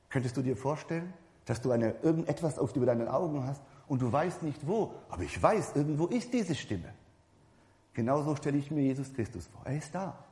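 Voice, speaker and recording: A man with a mellow, medium-pitched voice preaches a conversational sermon in a church hall, speaking straight to the congregation and frequently restarting and correcting himself. The hall gives the recording a reverberant sound.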